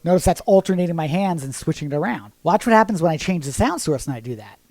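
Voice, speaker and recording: A man's voice: fairly high pitch, fast, very noisy. A man teaching drums in a casual lesson, explaining concepts and singing rhythms as syllables. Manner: sings accent rhythms as "ta"; relaxed, conversational explaining. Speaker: drum teacher.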